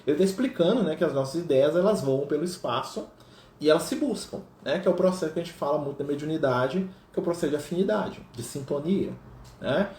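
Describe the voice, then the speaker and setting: Man with roomy echo, mellow voice. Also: a little high, lively intonation, fast talker. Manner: explains with many tag questions, reads passages aloud. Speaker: spiritist study group leader. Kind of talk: casual teaching talk. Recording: roomy echo with faint noise.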